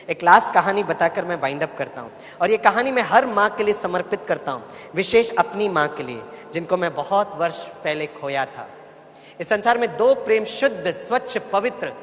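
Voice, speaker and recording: High-pitched male speaker, motivational storyteller who coaxes the crowd, recorded in a reverberant hall. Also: a bit bright. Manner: storytelling, coaxes audience to repeat lines. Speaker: spiritual speaker. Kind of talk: motivational talk to a live audience. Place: large hall with audience. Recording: echoey hall, faint background noise.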